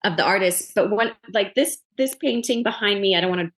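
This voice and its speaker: A woman's voice: medium pitch, fairly quick, breathy edge. A young woman psychotherapist born in Ethiopia, speaking as an interview guest on a video call, thoughtful and hesitant with many restarts. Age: young adult.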